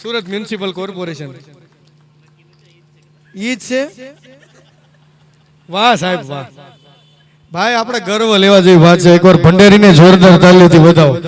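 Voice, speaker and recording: A stage comedian with a high voice tells jokes to a live audience at a stage show, speaking at normal speed with long pauses. He's jokey and chatty, talking straight to the crowd between stories in this live comic storytelling.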